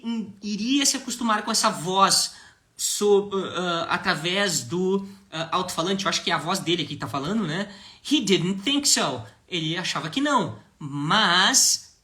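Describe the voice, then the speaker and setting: Bright-voiced Brazilian man teaching English. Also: high-pitched. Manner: reads English lines slowly, then explains lively. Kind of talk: language lesson.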